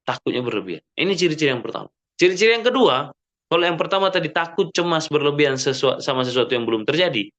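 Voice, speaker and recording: A man giving an Islamic sermon in a mosque, lively and full of rhetorical questions, often checking with the audience. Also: on the high side, fast. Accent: Indonesian. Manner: frequent "ya kan?" checks with the audience. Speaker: preacher.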